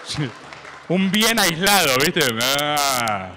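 Lively, bright-voiced Argentine man joking. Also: sits high, moderate pace, big-room sound, a faint crowd, a little hiss or hum. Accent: Rioplatense Argentine Spanish. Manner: rambling, ironic, full of asides. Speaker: host. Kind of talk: comic political commentary on a live stream.

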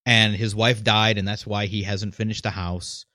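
A low-voiced man muses about a film on a radio show, wandering through his thoughts. The studio is dry and close. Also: little pitch movement, moderate pace, sharp tone, no room sound. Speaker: radio film review co-host. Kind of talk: casual radio chat.

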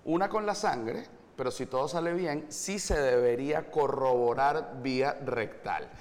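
A Venezuelan man chats as a guest, telling stories and explaining things at an ordinary middle pitch. His voice carries a lingering reverb, like a hard room. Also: unhurried, a little mellow. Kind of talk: casual podcast chat.

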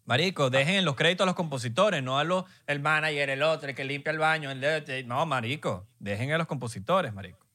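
A man's voice: a little high, a little fast, pushed and bright. A young man with a Venezuelan accent co-hosting a podcast in emphatic casual chat, peppered with slang fillers. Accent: Venezuelan Spanish. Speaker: podcast co-host.

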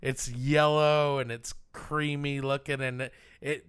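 A man's voice: medium pitch, level tone, measured pace, fairly bright tone, clean tone, no room sound. A man co-hosting a podcast, recapping a film's plot in a casual chat with wry, dry humor. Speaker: podcast co-host. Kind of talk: casual film discussion.

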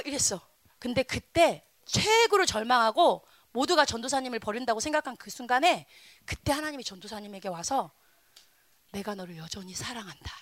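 A woman in her thirties preaching a children's sermon in a church, telling stories with sudden swings between loud and soft. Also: high-pitched, no echo.

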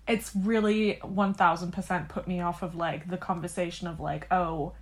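A woman's voice: fairly low pitch, fairly even intonation, moderate pace. Laughing, rambling young woman podcaster. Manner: laughs often, swears freely, rambling asides. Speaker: podcast co-host. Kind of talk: casual chat.

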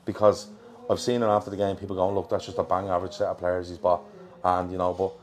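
A man's voice: sits low, flat delivery, fast talker, a little mellow, soft background music. An Irish man hosting a football show as a casual live chat, in a colloquial, matey manner. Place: pub in Liverpool. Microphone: worn mic.

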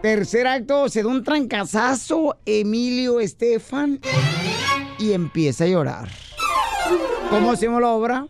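High-voiced playful radio host. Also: male voice, expressive, a little slow, loud music behind the voice. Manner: playful, teasing, calls people nicknames. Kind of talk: joking morning radio banter.

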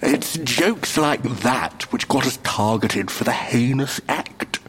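An actor playing a pompous professor character, the ghost of a murder-mystery actor, speaking with a put-on British accent in a haughty, theatrical manner. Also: male voice, medium pitch, takes it slowly, fairly bright tone, big-room sound, faint music behind. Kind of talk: audio drama acting.

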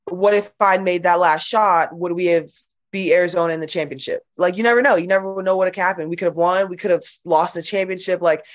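Young woman, lowish voice, giggly and chatty, college athlete being interviewed. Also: fairly even intonation, fast talker. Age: young adult. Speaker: college basketball player. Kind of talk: casual interview.

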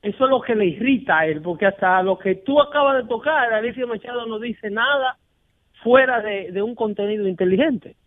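A high-pitched man hosts a radio show, pushing his opinions hard. He often acts out the callers he quotes. The line is narrow and phone-like, with no room sound at all. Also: brisk, dry recording. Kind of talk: casual radio talk.

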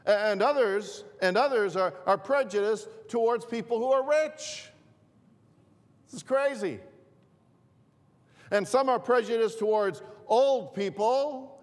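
A man preaching a sermon as pastor, repeating and restarting his phrases in a deliberate way. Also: high voice, long reverb tail. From northern Greece.

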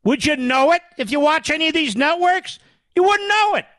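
A man's voice: extremely high pitch, lively intonation, normal speed, a bit bright, dry recording. A man hosting a talk radio show, delivering an indignant, sarcastic political rant into a studio microphone.

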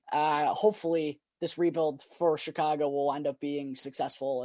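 A man's voice: on the high side, darkish tone, no room sound. A man chatting casually about sports on a podcast, conversational with hesitant starts. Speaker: sports podcast co-host or guest.

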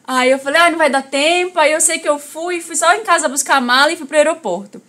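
Woman, high-pitched voice, animated storytelling, casual podcast chat. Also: fast. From Belém, Brazil. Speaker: guest telling a pregnancy story.

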